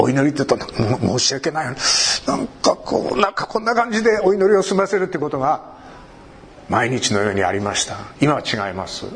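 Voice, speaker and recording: A man's voice: a little high, a bit bright, slight background noise. A man preaching a sermon. He talks animatedly, cracks jokes and acts out short everyday conversations. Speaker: pastor.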